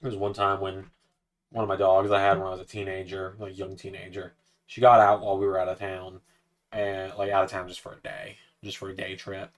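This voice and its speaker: Young male streamer, low-ish voice, casual chatty delivery, coaxing sing-song when addressing a pet. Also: completely flat delivery, brisk. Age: 20s. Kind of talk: casual livestream chat.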